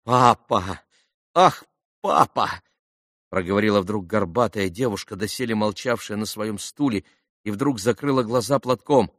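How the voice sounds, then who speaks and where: A man narrating an audiobook in a measured, even reading. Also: lowish voice, no room sound, clean studio sound. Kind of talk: scripted narration.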